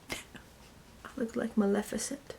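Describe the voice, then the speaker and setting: Her voice here is fairly high, bright and forceful with vocal fry and a little hiss or hum. The young beauty vlogger, who has a slight Southern accent and is from Connecticut and the US South, talks snarkily and mutters asides while doing her makeup in a get-ready-with-me video.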